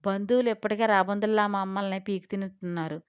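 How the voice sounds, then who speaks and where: A woman's voice: medium pitch, steady tone, fast talker, clear, resonant tone, no echo, close to an everyday voice. A woman voicing a harsh, scolding middle-aged mother in a storybook reading. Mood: stern. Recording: slightly dull lo-fi sound.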